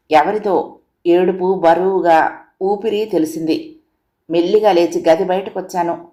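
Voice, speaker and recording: Low-voiced woman reading a story. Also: a little mellow. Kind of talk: scripted story narration. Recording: roomy echo.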